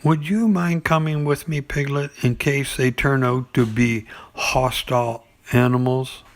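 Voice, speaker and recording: Guy doing a mild pondering teddy bear from a kids book, slow n puzzled, slightly creaky. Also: mid-range voice, fairly even intonation, natural voice. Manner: puzzled, musing, deliberate. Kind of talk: children's storybook character voice.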